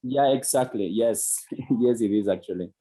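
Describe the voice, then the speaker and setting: A man from Ecuador, a native Spanish speaker with an Ecuadorian accent, talking casually over a video call and pausing on many fillers and restarts. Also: mid-range voice, dark tone, husky, poor audio.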